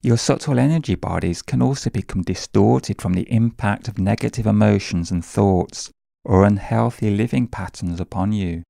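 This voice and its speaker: A man narrating a scripted guided meditation in a calm, measured, soothing way, close to the microphone. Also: lowish voice, creaky, no room sound.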